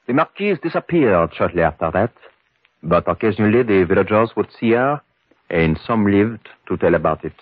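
Husky and low-pitched, this male voice is animated yet ominous as it plays a grave, superstitious French villager cautioning about a vampire. The storytelling is deliberate, in the style of 1940s-50s radio horror acting. There is no echo, though the recording is muffled like an old radio broadcast.

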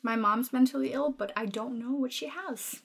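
High-pitched, gravelly and a bit breathy, this voice belongs to a Danish woman in her twenties guesting on a podcast. Talking at normal speed in accented English, she is open and frank in a casual personal conversation, laughing often as she goes.

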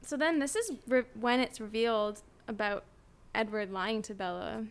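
A young woman with a slightly high voice chats about a book. She is giggly and acts out lines from the scenes as she talks. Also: animated, moderate pace, clean tone. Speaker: podcast co-host. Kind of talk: casual book-discussion chat.

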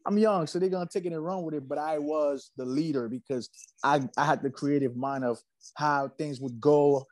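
A man's voice: a little high, fairly even intonation, moderate pace, darkish tone, no echo, poor audio. A man from Haiti, a musician guest, talking casually in an interview, laid-back and slangy, often repeating himself.

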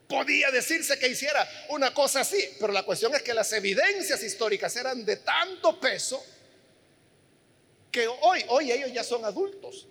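High-voiced forceful male preacher. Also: big-room sound. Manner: earnest storytelling, addressing listeners directly. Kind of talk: sermon.

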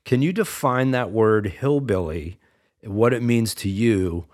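A man's voice: on the low side, measured pace, darkish tone. A man hosting an interview, enthusiastic and polished like a presenter. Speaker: interviewer, show host. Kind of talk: podcast interview.

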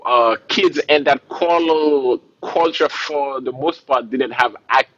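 A man's voice: mid-range voice, takes it slowly, a bit bright, highs cut off. A man from Haiti, a musician, talking in a laid-back way with fillers and laughs in a casual interview. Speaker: musician guest.

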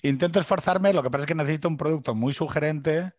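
A man's voice: a little high, fast, darkish tone, dry recording. A man hosting a podcast, a father of three, chatting casually in a hesitant, thinking-aloud way. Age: young adult to middle-aged, father of three. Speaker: podcast host. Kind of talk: casual chat.

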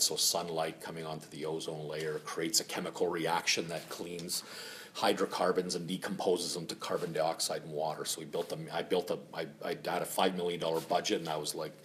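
A man's voice: a bass voice, fairly bright tone, slight background noise. A middle-aged man from Finland telling his life story at a lunch meeting in a frank, rambling way with many fillers. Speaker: speaker at a member spotlight. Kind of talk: casual personal story.

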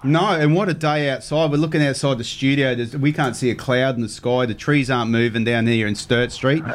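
A man's voice: medium pitch, brisk. A man with a Queensland Australian accent hosting a radio show, chatting casually and chummily with callers. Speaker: radio fishing show host. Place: radio studio.

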